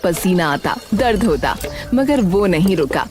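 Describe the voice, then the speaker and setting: A woman narrating an animated story in a dramatic, measured storytelling manner. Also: lowish voice, music in the background.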